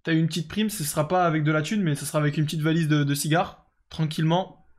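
A young man streams a football management game, his voice a little high, steady in tone and fast. He chats casually and answers his viewers' messages as he plays, filling his live commentary with lots of fillers.

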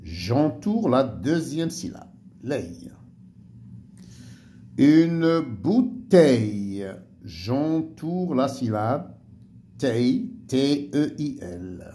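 A man teaching a primary-school French lesson, slowly spelling out syllables and letters for young pupils. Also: mid-range voice, very animated, mellow, slight background noise.

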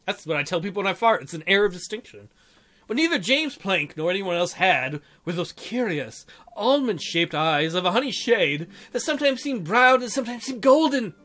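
This let's play host has a voice that sits high, with a sharp edge and a moderate pace. He reads the visual novel expressively, playing it up with theatrical jokes and goofy put-on voices while game music runs underneath.

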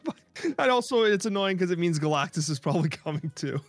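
A man co-hosting a casual gaming podcast, venting in an expressive, exaggerated way. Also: high-pitched, fast talker, dry recording. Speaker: podcast co-host.

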